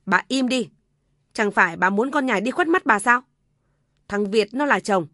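A woman's voice: on the high side, fairly even intonation, brisk, gravelly, darkish tone, no echo. Woman doing a stern gray-haired father, few words, commanding, dry read. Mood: stern anger.

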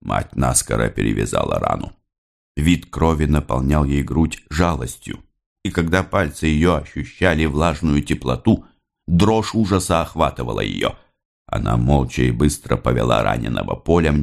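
A man narrating an audiobook with measured, dramatic storytelling. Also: a bass voice, creaky.

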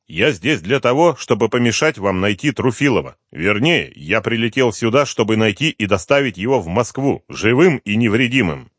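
A male audiobook reader voicing a calm, commanding middle-aged detective who speaks firmly and in a controlled way. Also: fairly low pitch, normal speed, hardly any pauses, no echo, studio quality, pitched above the performer's own voice. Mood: cool. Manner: firm and controlled, rising to stern lecturing.

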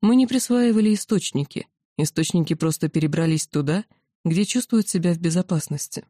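A woman voicing a calm male dragon commander who explains things patiently, in a storybook reading. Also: fairly low pitch, fairly quick, no room sound, clean studio sound, lightly acted. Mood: sad, earnest.

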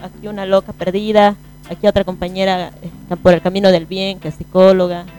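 A radio show co-host with a Bolivian Spanish accent joins a casual panel in a radio booth, speaking informally and often using tag questions to seek agreement. Her mid-range voice is mellow, brisk and flat, over faint background music on a rough recording.

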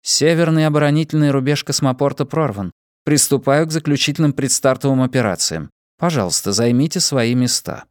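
A man voicing a calm spaceship computer in an audiobook, announcing formally in a clear voice. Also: mid-range voice, a little fast, no echo, clean studio sound, pitched above the performer's own voice, lightly acted. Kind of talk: dramatised audiobook reading.

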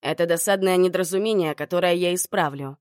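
A domineering young man barks his lines in a harsh, commanding tone, with a woman putting him on. The voice sits low and close, with no room sound around it. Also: fast talker, darkish tone, clear, resonant tone, no room sound, natural voice. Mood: insistent.

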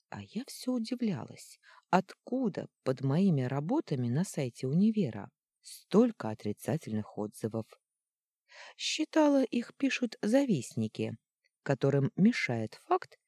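A woman reading a first-person story aloud, expressive and ironic in tone. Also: deep voice, no room sound, studio quality. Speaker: narrator. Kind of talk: first-person audiobook narration.

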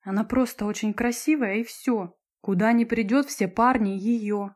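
A woman's voice: a little high, fairly even intonation, moderate pace, darkish tone, natural voice. Chirpy teenage girlfriend, read by a woman. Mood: chatty.

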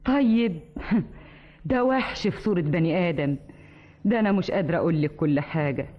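An actress in an old Egyptian radio drama playing a worn-out, remorseful wife who pleads urgently, with an Egyptian accent. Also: female voice, on the low side, animated, moderate pace. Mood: pleading. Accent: Egyptian Arabic. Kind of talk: 1950s radio drama acting. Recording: thin phone-like old radio recording.

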